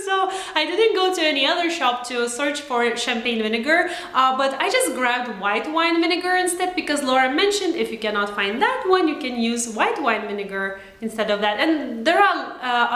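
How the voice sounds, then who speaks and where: High-pitched, excitable young woman in a roomy kitchen. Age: young adult. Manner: excited, giggly, expressive. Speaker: host of a home cooking challenge vlog. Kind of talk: casual chat to camera. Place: home kitchen, indoors.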